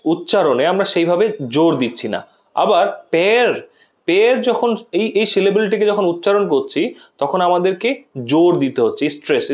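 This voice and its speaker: A man teaching an exam-prep lesson on poetic meter, explaining step by step and repeating key words. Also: high voice.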